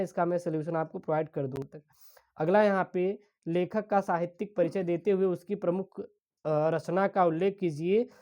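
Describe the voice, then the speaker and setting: A woman teacher, explaining exam questions step by step and reading literary passages aloud slowly. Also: fairly low pitch, mellow. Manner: explains step by step, keeps calling students "dear children". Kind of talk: exam-prep lesson.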